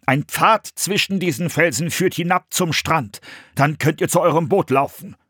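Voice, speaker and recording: A man's voice: on the high side, normal speed, a bit bright, slightly rough, no echo, clean studio sound, pitched above the performer's own voice. A man voicing an adult monk giving directions in a storybook reading. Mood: urgent. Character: adult male monk, calm leader.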